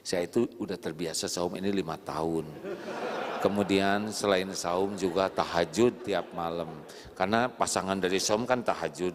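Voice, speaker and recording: A man preaching a lively sermon to a live audience, playfully acting out little dialogues with big jumps in pitch. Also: normal speed, a crowd in the background. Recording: long hall reverb.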